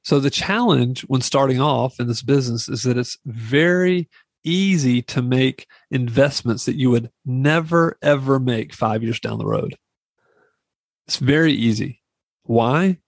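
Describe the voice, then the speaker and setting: A man's voice: mid-range voice, a little slow, dry recording. Rambling middle-aged man, dry close sound. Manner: rambling, repeats phrases for emphasis. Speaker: real estate investing podcast host. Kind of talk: informal podcast advice monologue.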